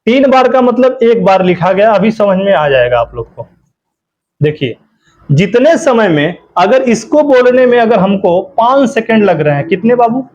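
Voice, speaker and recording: A man's voice: sits high, lively intonation, moderate pace, a little mellow. A male teacher giving an exam-prep grammar lesson, asking questions and then answering them himself, and repeating key words to drill them in. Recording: dull lo-fi recording.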